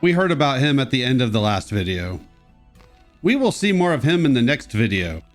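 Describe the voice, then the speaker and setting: A man's voice: mid-range voice, sing-song, a little fast. Male let's play host, mid-range voice, casual wry game commentary, faint music underneath. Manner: wry, joking asides.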